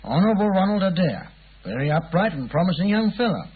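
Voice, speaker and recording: A muffled vintage radio recording of a weary, puzzled English police inspector. The voice is husky and fairly high for a man, with a hesitant, chatty, deferential manner. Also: big pitch swings, fast talker, full character voice. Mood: confiding. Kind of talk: 1950s radio drama acting.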